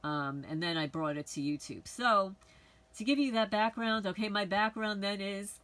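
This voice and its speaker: A woman's voice: medium pitch, moderate pace, fairly bright tone, rough recording. A middle-aged woman from the Bronx, talking to her channel's viewers in a rambling, frank, conversational monologue. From the Bronx, New York. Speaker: channel host. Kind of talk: casual personal monologue.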